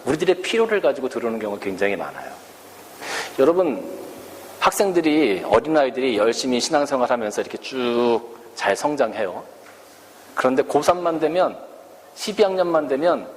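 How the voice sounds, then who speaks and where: A male Korean pastor preaches with animated, sweeping intonation and many rhetorical questions. His voice rings through a reverberant church hall. Faint room ambience sits underneath. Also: mid-range voice, fairly quick, slight background noise. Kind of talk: sermon.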